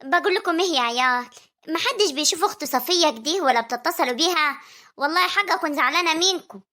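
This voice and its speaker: A woman's voice: high voice, animated, quick pace, bright, forceful tone. A woman voicing a doting older village mother with a rural Egyptian accent, drawing out her words. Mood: tender. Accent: rural Egyptian Arabic.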